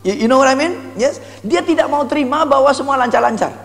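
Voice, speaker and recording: High-voiced animated male seminar trainer. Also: fairly quick, long reverb tail. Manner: animated, rhetorical questions, mixes in English. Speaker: sales trainer. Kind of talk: motivational seminar talk.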